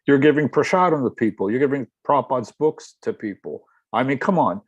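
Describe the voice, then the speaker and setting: A man's voice: mid-range voice, animated, fairly quick, dry recording, highs cut off. A man on a video call pressing his point with insistent rhetorical questions. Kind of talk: religious discussion on a video call.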